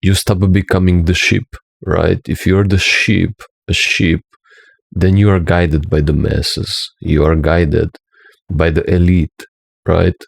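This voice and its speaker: This man's voice sits low and creaky, level in tone and unhurried, recorded in clean studio sound without echo. Originally from Slovenia and speaking accented English as a second language, he preaches earnestly as a spiritual teacher, repeatedly checking in with "right?".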